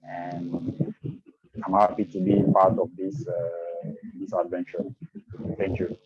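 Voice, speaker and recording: A deep male voice with an Ivorian accent gives an informal introduction as a meeting guest. He speaks slowly, feeling his way along and repeating words. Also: little pitch movement, a little mellow, muffled recording. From Ivory Coast. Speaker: first-time guest at a meeting.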